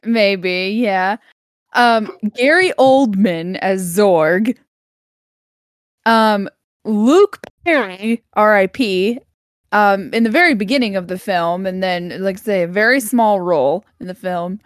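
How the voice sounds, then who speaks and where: Slow-talking young woman podcast host. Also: medium pitch, no echo, studio quality. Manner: laughs easily, hesitant with fillers. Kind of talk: casual chat.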